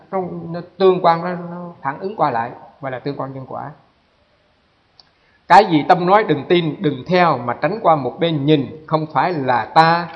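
A Buddhist monk gives a loose, storytelling dharma talk at a quick clip, stumbling over and repeating words as he goes. His voice sits somewhat high for a man. The recording is muffled, with a long reverb from a large hall. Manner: conversational, repeats words while searching, acts out quoted people. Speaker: Buddhist monk teaching meditation.

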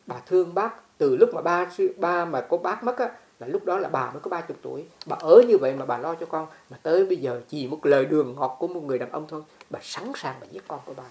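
A woman's voice: low voice, quick pace, hardly any pauses, darkish tone, echoey room. A woman voicing a wise old male Bodhisattva who teaches a lesson. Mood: instructive.

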